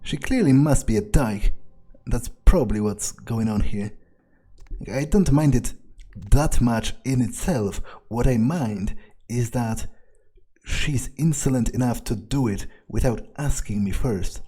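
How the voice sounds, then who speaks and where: In video game roleplay, a man voices an arrogant, scheming male vampire who thinks aloud in a haughty, deliberate way, irritated and smug. His voice is medium-pitched and mellow with a breathy edge.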